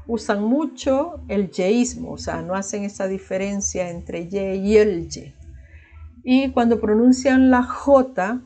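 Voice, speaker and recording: A woman from El Salvador speaks with a Salvadoran Spanish accent as she teaches a recorded online class. Her voice is mellow and warm, with ordinary pitch for a woman. She explains patiently, checking in with tag questions and filling pauses with "eh". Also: expressive. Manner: explanatory, frequent "¿verdad?" tag questions and "eh" fillers.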